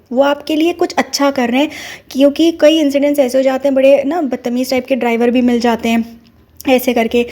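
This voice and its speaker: A woman's voice: fairly high pitch, warm tone. A young woman telling a personal devotional story in an earnest, casual storytelling way. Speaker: devotee sharing a personal experience. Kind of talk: casual spoken testimony.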